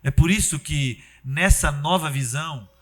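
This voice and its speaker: A high-pitched man preaches a sermon. His voice is bright and forceful, and he talks in a lively, conversational way, often dropping into acted-out quotes. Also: unhurried. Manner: animated, conversational preaching with acted-out quotes and sudden loud bursts.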